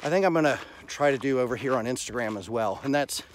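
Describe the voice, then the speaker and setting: Walking outdoors on suburban sidewalks and park paths, a middle-aged vlogger with a mid-range voice speaks quickly to his phone camera, casual and blunt, with salty language. He has wired earphones on and the phone held at arm's length. Traffic noise fills this outdoor phone recording.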